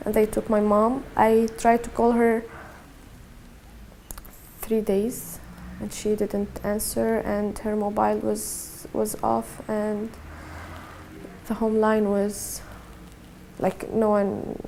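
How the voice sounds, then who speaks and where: A Syrian-accented woman of twenty-one from Syria speaks haltingly about her personal experience in an interview, often repeating words. Her medium-pitched voice is monotone, creaky and mellow, over a faint hiss or hum.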